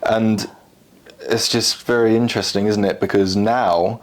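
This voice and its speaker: A man's voice: lowish voice, steady tone, measured pace. A man asking questions in a casual interview, interested and affirming. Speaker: interviewer, grandchild.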